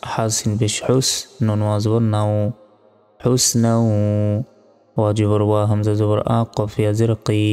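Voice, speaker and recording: A man with a Bangladeshi accent works through a spelling-out recitation lesson, one letter and vowel at a time. His voice is smooth, mellow and dark, and it stays flat and slow. A long reverb trails behind him over faint background music. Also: lowish voice. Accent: Bangladeshi Bengali. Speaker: Quran reading teacher.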